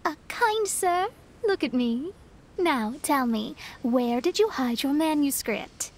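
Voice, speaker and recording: Dramatic self-styled princess, high voice, grandiose phrasing. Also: female voice, lively intonation, takes it slowly, exaggerated voice. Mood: haughty.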